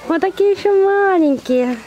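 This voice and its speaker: Her very high-pitched, warm voice is animated and moves at a moderate pace as she coos repeated words and pet names, as if to animals. She is a zoo visitor filming and feeding bears outdoors at the enclosures on a handheld camera. The recording is low quality, with a little hiss or hum.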